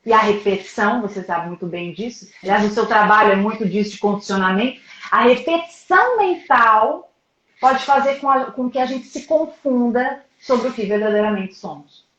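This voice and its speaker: A woman's voice: a little high, lively intonation, normal speed, a bit bright. A woman explaining as a psychologist guest in an interview, earnest and repeating phrases for emphasis. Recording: roomy, dull sound.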